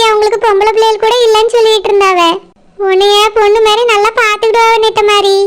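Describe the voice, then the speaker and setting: A woman doing a gentle consoling elder sister. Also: extremely high pitch. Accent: Kanyakumari Tamil. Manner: soothing, coaxing.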